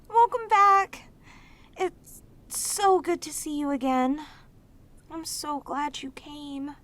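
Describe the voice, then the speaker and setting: In her ASMR roleplay, a woman gives voice to a sweet, clingy, lonely demon girl, her pitch sitting high. She pleads earnestly and haltingly, her mood relieved and tender.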